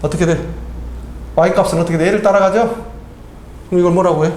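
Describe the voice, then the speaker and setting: A man's voice: high-pitched, fairly even intonation, a little fast, darkish tone, a little hiss or hum. A man tutoring math, quizzing his student with constant tag questions and chatting casually between problems. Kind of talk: tutoring lesson with casual chat. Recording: echoey room.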